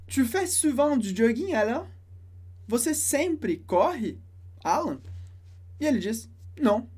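Woman teaching French, husky voice. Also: a little high, darkish tone. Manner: slow, careful pronunciation of French phrases. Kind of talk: language lesson explaining a dialogue.

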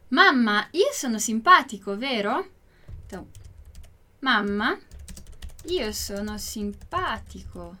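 High-voiced woman teaching a language lesson. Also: fairly bright tone. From Italy. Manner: patient, explanatory, slowly spells out example phrases. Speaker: Italian teacher.

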